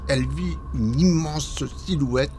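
A man narrating a children's storybook in an expressive, dramatic read-aloud manner. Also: a little high, takes it slowly, faint music behind.

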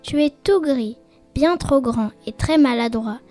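A woman voicing a gentle, loving mother duck in a storybook reading, speaking tenderly. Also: sits high, unhurried, faint music behind. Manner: tender, reassuring.

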